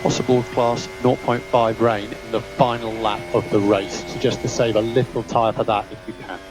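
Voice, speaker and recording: Through a noisy radio link carrying engine and vehicle hum, a man works as a race engineer, issuing curt technical updates and instructions. He speaks at medium pitch with a flat delivery and moderate pace, sounding businesslike and clipped.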